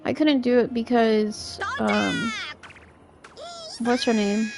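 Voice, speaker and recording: A woman's voice: on the high side, slow, noisy background. A young woman streamer giving casual gameplay commentary, thinking aloud with hesitant fillers.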